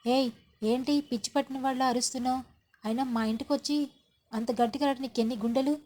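A woman's voice: high-pitched, fairly even intonation, fast, a little mellow, lightly acted. A woman voicing a defiant young man who dismisses accusations against him. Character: defensive young man denying blame.

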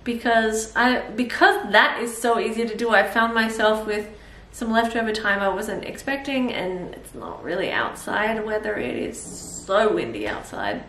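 A thirtysomething Australian woman vlogs a casual cook-along from her home kitchen, rambling and chatty, thinking aloud with plenty of fillers. Her medium-pitched, slightly bright voice is unhurried with few pauses. It's picked up off-mic by a camera mic a few feet away, with roomy kitchen echo and a little hiss or hum.

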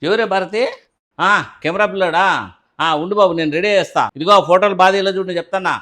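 High-pitched man, scolding fast. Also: fairly even intonation, fairly bright tone. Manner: gruff, scolding, short-tempered. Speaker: comedy sketch actor playing a short husband. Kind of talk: scripted comedy skit.

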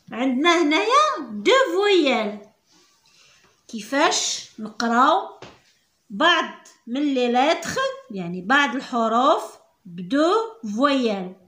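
A woman's voice: sits high, fairly bright tone. A woman with a Moroccan Arabic accent teaching French reading, drawing out syllables and patiently repeating sounds. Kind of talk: slow spelled-out reading lesson. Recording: echoey room.

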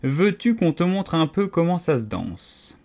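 A man's voice: on the high side, very animated, measured pace, darkish tone, pitched above the performer's own voice. A man voicing the weeping, sorrowful Mock Turtle in a storybook reading, with a mournful, tearful manner. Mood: pleading. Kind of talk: storybook character voice.

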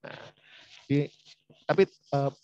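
A man with a slow, mellow voice gives a university lecture online, speaking straight to his students in a chatty way. The recording sounds dull and lo-fi.

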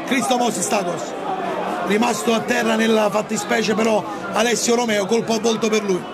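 A man calls a football match live in a high, creaky voice. He gives play-by-play as a radio commentator. A very loud crowd and heavy noise surround him. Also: fairly even intonation, brisk. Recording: very noisy stadium, loud crowd. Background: loud crowd in an open stadium.

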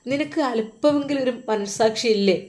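A woman's voice: on the high side, a little fast, darkish tone, lightly acted. A woman voicing an angry older brother who presses bitter, accusing questions, with a Malappuram Malayalam accent.

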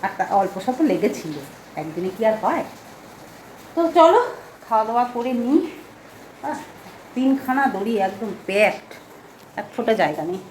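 A middle-aged woman chatting casually and softly through a home vlog, talking while she goes about her day with a cold. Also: a little high, very animated, normal speed, long pauses, a little hiss or hum. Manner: chatty, homely, speaks softly. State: has a cold. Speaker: vlogger. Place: at home indoors.

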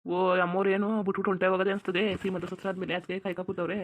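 A woman voicing a young village husband in a cartoon, teasing in rapid banter. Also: on the low side, little pitch movement. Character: young village husband, joking then fretful. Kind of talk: cartoon voice acting.

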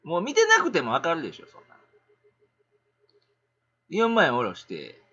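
A middle-aged man with a Kansai accent, chatting on a casual livestream in an animated, rambling, ranting way. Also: fairly high pitch, moderate pace, muffled recording.

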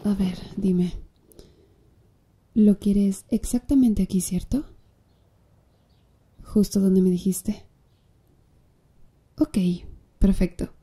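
A woman performs an ASMR roleplay as a tattoo artist who is slow and flirty, her mid-range voice dark and mellow. She teases the client with relaxed confidence, speaking softly and breathily and slipping in small laughs.

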